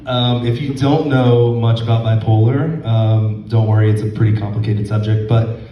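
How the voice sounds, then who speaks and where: A hoarse young man works through a stand-up set in a halting way, with lots of ums and jokes at his own expense. He sounds distant from the mic, in a roomy space with echo. The recording is dull and lo-fi. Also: on the low side, fairly even intonation, slight background noise. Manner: halting, full of ums, self-deprecating. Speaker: stand-up comedian. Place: comedy club stage.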